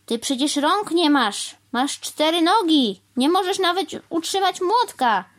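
Woman doing a fussy old crow guy, squeaky high and swoopy, spelling everything out slow. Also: big pitch swings. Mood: exasperated. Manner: lecturing, slow and overly clear. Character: fussy, pedantic male crow neighbour. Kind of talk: storybook reading.

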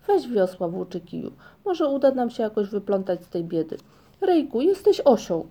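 A woman voicing a cheerful, eager young male troll creature from a storybook, with lively exclaiming speech. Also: medium pitch, normal speed.

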